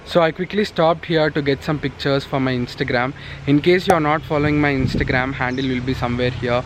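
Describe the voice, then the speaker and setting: A man's voice: medium pitch, fairly even intonation, fairly quick. A man with a Telugu Indian accent giving casual, informal travel vlog commentary outdoors while out riding, with exclamatory asides. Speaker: motorcycle travel vlogger. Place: outdoors on a motorcycle on hill roads and highways. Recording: muffled, loud motorcycle and road noise.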